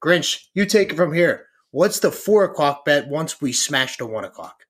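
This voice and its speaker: Husky, lively frat-bro man talking sports picks. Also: fairly high pitch, moderate pace. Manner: frat-bro hype talk, swearing. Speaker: sports betting show co-host. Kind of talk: hyped sports picks chat.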